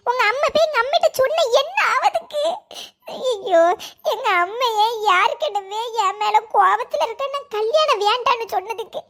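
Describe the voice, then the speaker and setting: A voice actor playing a chatty little village girl who fears her mother, with a Kanyakumari Tamil accent and an excitable, half-crying manner. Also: extremely high pitch, gravelly, exaggerated voice.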